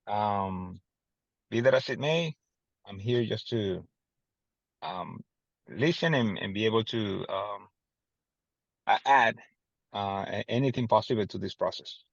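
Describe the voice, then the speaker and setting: A man's voice: fairly low pitch, a little slow, gravelly, long pauses, no room sound. A man from Venezuela introducing himself on a video call, hesitant, with many fillers. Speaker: committee member. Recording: dull dry video-call audio.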